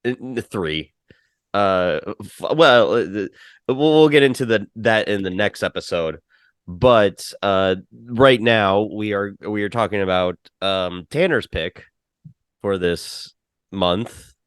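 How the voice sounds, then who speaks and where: Slow, hesitant podcast host man. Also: lowish voice, clean tone, dry recording, studio quality. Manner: hesitant, full of fillers and restarts. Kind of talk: casual chat.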